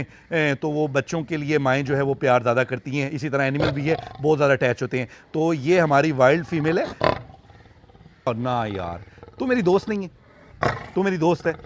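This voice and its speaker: A man's voice: on the high side, a little hiss or hum. A man giving casual, rambling vlog commentary outdoors at an animal farm. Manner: chatty, rambling, with many fillers. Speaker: vlogger and animal farm keeper.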